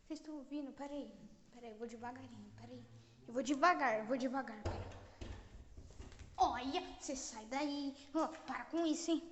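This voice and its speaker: A woman's voice: sits high, moderate pace. A Brazilian woman hosting a gaming channel, giving jumpy gameplay commentary that swings between whispers and shrieks. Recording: long reverb with clear background noise.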